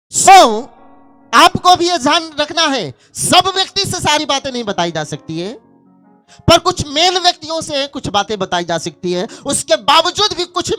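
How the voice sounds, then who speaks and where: Very high-voiced male pastor preaching. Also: a bit bright. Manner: exhorts the congregation with rhythmic, repeated calls. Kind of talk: sermon.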